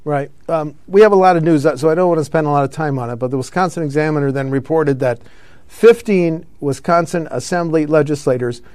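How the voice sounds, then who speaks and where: Man, political talk host, smooth resonant voice, slightly high, dry close sound, halting with fillers. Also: a little mellow, dry recording. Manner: reads news items with frequent fillers and self-corrections. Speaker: radio show host.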